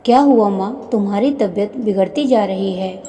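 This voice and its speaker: Woman playing a calm young husband. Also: mid-range voice, moderate pace, close to an everyday voice. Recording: long hall reverb.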